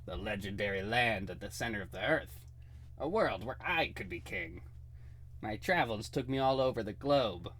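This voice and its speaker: A man's voice: on the low side, animated, normal speed, fairly bright tone. A man playing a bitter, megalomaniac underground outcast villain with a grandiose, menacing delivery in a comic book reading.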